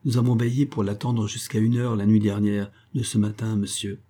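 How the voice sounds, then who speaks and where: A man's voice: on the low side, flat delivery, normal speed, dark tone, close to an everyday voice. A man reading aloud who voices a timid, flustered young female servant, stammering and deferential. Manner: stammering, repeats "monsieur" anxiously.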